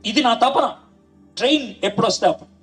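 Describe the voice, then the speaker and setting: A male preacher from Andhra Pradesh telling his own story as a sermon, acting out the dialogue with animated swings. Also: extremely high pitch, fast, husky, rough recording. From Andhra Pradesh, India. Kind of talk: testimony sermon. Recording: faint background music.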